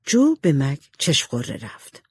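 A woman narrating a storybook in an expressive, animated way. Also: extremely low pitch, slightly rough, no echo. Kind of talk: storybook reading.

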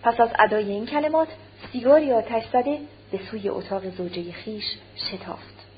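A woman narrating an audiobook of a classic novel in a measured, formal reading, in a dull recording with a faint hum. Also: fairly high pitch, animated. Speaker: audiobook reader.

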